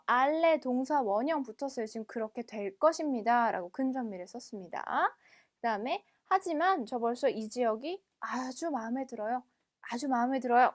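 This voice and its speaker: A woman teaching French from a textbook, explaining each phrase patiently and reading the French aloud slowly, often twice. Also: high voice.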